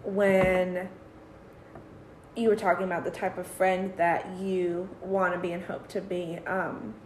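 Woman teacher, hoarse voice, chatty, lots of fillers, echoey room. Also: on the low side, little pitch movement, a little slow, background noise. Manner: chatty, heartfelt, many fillers. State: hoarse from yelling. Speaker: teacher, guest interviewer. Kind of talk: casual podcast chat.

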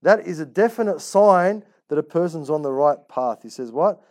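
Here the Islamic teacher's voice sits a little high and a little mellow, animated but at normal speed. He delivers his religious class as a conversational sermon, talking colloquially, repeating himself, posing rhetorical questions, using Arabic religious phrases and acting out inner voices.

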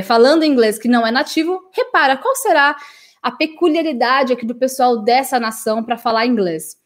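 A woman with a Brazilian Portuguese accent giving a casual spoken lesson as an English teacher, chatty, with frequent tag questions and English words sounded out as examples. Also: fairly high pitch.

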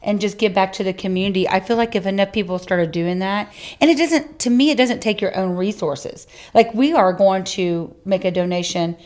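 A woman's voice: mid-range voice, moderate pace, few pauses, darkish tone. A middle-aged woman co-hosting a podcast, chatting casually and heartfelt, rambling with many fillers. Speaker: podcast co-host. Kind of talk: casual chat.

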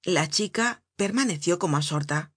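In a low, husky voice, a woman reads a novel aloud in a measured, even audiobook style. The recording is close and completely dry, with no echo and nothing else audible behind her.

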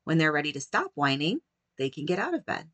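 Calm woman teaching parenting in a dry room. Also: low-pitched, no room sound. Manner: gentle, measured and reassuring. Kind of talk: calm instructional talk.

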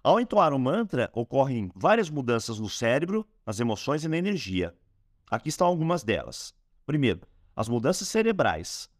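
A man hosting a calm instructional talk on a spiritual technique, slowing down when he speaks mantras. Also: mid-range voice, dry recording, clean studio sound. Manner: lively, rising and falling delivery, slowing on mantras. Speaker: host teaching a spiritual technique.

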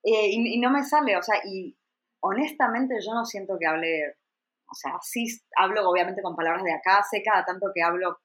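A woman's voice: mid-range voice, moderate pace, a bit bright, poor audio. A woman in her forties with an Argentine accent, chatting reflectively as a podcast guest and using frequent fillers. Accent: Argentine Spanish. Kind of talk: casual conversation.

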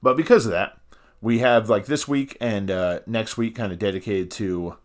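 A man's voice: lowish voice, normal speed. A man co-hosting a podcast in casual banter, talking with half his face numb from the dentist. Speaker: podcast co-host.

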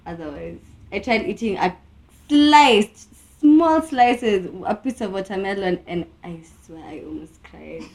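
A young Kenyan woman hosting a casual podcast chat, her speech slightly impeded by a new tongue piercing, animated and slangy. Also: mid-range voice, measured pace. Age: young adult. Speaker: podcast host.

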